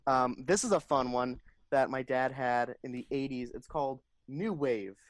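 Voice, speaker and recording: Chill guy podcast cohost on a video call, dry sound, mid pitch, rattling off album names. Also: moderate pace, dry recording. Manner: relaxed, rambling, lists album titles. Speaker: podcast co-host. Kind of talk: casual chat about vinyl records.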